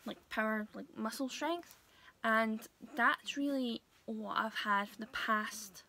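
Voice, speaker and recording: Slow, hesitant young woman. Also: on the high side, a bit bright. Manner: hesitant, many pauses and fillers. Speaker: vlogger. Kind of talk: casual vlog talk to camera.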